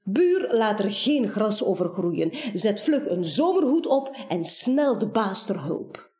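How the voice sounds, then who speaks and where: A woman reading a children's story aloud, expressive and speaking to the listener. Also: medium pitch, takes it slowly.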